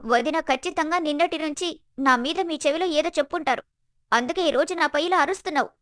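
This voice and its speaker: A woman voicing a spoiled, haughty young college woman who whines and scolds, in an animated story. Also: fairly quick, no echo, clean studio sound. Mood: whiny. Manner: whiny, shrill, haughty.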